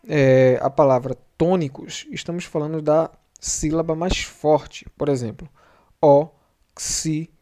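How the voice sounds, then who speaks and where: A man with a Brazilian Portuguese accent teaching a video lesson, repeating key terms and slowing down to spell out syllables. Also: on the high side, mellow. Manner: repetitive, slows down to spell out syllables and endings.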